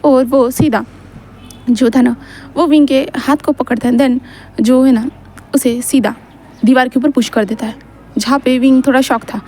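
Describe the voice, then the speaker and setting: A woman's voice: high voice, steady tone, unhurried, long pauses, darkish tone. A woman narrating a fan story in a casual, rambling way, with many fillers and English words mixed in.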